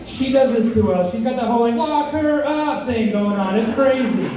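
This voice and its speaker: His voice is very high, with lively intonation at a normal speed, as this stand-up in his 30s runs through a crude, self-deprecating set in a comedy club. The recording, taken from far off, is echoey and noisy.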